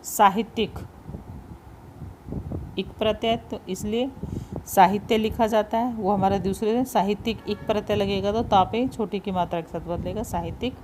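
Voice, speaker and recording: A woman's voice: mid-range voice, steady tone, normal speed, a little mellow, a little hiss or hum. A woman teaching a Hindi spelling lesson. She says each word, repeats it, and patiently points out which ones are important.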